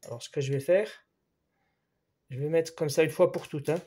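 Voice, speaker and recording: A man with a slightly high voice walks through a TV board repair in French, patient and talking right to the viewer. He repeats his main points as he measures, and his voice sometimes sinks quieter when he leans in over the board. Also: normal speed, slightly rough. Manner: explains step by step, addresses the viewer directly, repeats key points. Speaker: electronics repair instructor. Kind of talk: hands-on repair tutorial.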